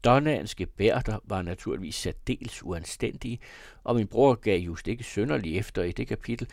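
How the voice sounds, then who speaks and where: A man reading a classic novel aloud as audiobook narrator, in a measured, even storytelling manner. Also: fairly low pitch, gravelly, dry recording, clean studio sound.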